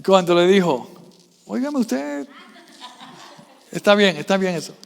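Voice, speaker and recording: A male pastor preaching a sermon, quizzing the congregation with constant questions and swinging from soft asides to loud raised passages. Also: high voice, quick pace, clean tone, big-room sound. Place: church.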